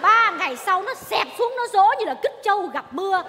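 A high, bright voice fires off scolding tirades at a rapid clip a feisty, foul-mouthed wine seller. It rings out in a long-reverb stage hall with faint noise behind. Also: female voice, animated, music in the background. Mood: cursing tirade. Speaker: comic stage actress. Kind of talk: stage comedy sketch. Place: theater stage.

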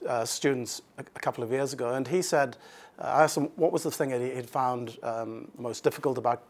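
A middle-aged man answering formally as a school headmaster in an interview, explaining in a measured way with halting restarts. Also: medium pitch. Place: indoor office set. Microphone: lapel.

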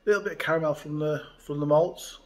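A man's voice: a little high, quick pace, faint music behind. Chatty man reviewing beer. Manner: chatty, relaxed, frequent uh fillers. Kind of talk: casual beer review chat. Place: indoors by a window in a hotel room.

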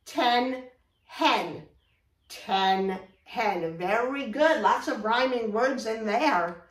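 Woman, children's reading teacher, very slow and deliberate, higher voice, echoey room, heard from a distance. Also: lively intonation. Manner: slow, encouraging, prompts listeners to repeat words. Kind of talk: read-aloud rhyming lesson for young children.

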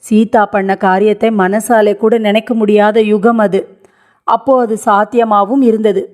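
A woman's voice: mid-range voice, flat delivery, measured pace, darkish tone, lightly acted. A woman voicing a grieving elderly grandmother in a read-aloud story, lamenting and pleading through tears. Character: grieving elderly grandmother, widowed young, stubborn.

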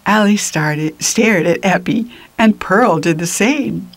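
Little asides to the listeners and drops into whispers mark this older woman's expressive, deliberate reading of a children's picture book. Her voice is medium-pitched, with no room sound.

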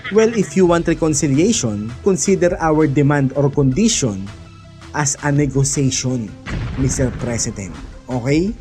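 A man vlogging political commentary in a fired-up, taunting voice that sits a bit high for a man. He scoffs, laughs with contempt and swears freely while speaking straight to his target and his viewers. Clear music plays underneath. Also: lively intonation, a little slow. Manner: mocking, heated, laughs scornfully, swears often; speaks directly to the president and to viewers as "mga idol". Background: background music.

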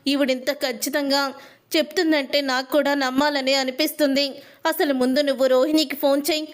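A woman's voice: sits high, little pitch movement, a little fast, lightly acted. A woman voicing a worried, puzzled middle-aged relative in a spoken story retelling, questioning things.

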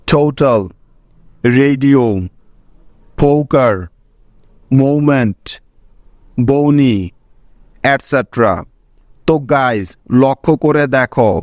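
Man, Bangladeshi accent, English teacher, very slow instructive pace, dry close sound. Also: medium pitch, no room sound. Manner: slow, even, instructive delivery listing example words. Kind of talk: scripted phonics lesson.

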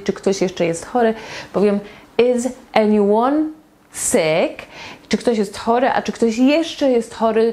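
A woman teaching English in a slow, patient lesson at a whiteboard, repeating each example phrase several times. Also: medium pitch, a little mellow.

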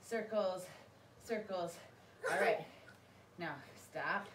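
A lowish-pitched woman coaches like an aerobics instructor, giving short commands and counting out moves with encouragement. She is exercising as she talks, some way from the mic in a large, echoing room with clear background noise. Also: takes it slowly. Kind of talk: aerobics instructor leading a kids' workout with short cues and counts. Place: large carpeted room with high vaulted ceiling, indoors. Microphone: camera a few metres away. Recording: roomy, distant mic, clearly noisy.

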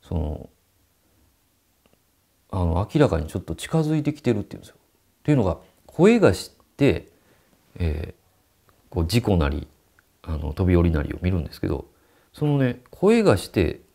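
A man's voice: low voice, very animated, normal speed, creaky, pauses often, mellow. A man telling a ghost story and acting out the quoted dialogue.

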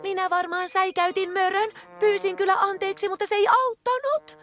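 A bright little cartoon girl. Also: steady tone, faint music behind. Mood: explaining. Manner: high, bright childlike voice. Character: young girl, frightened and earnest. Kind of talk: cartoon dub acting.

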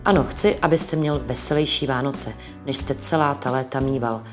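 A reformed old miser from a read-aloud storybook, cheerful and brisk, as a woman reader puts him on. The voice sits low for a woman. It stays close to her own reading voice. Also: over music. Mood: mock-stern. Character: old male miser, newly joyful and generous.

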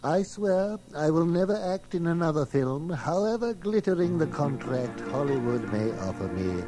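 An actor playing a vague, polite, mildly fussy old professor in a radio drama. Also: male voice, on the high side, very animated, moderate pace, music in the background. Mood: pleased.

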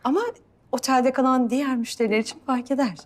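An actress playing a cheeky bank colleague who asks playful questions and hurries a friend along. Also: female voice, high voice, fairly even intonation, a little hiss or hum, natural voice. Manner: cheeky, then hurried and urgent. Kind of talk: film dialogue.

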